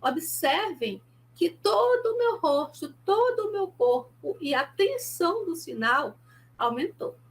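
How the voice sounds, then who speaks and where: Brazilian Portuguese woman, high voice, university lecturer, recorded online class, animated, acts out little dialogues. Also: takes it slowly. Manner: animated, acts out example dialogues with emphatic pitch jumps. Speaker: university sign language lecturer.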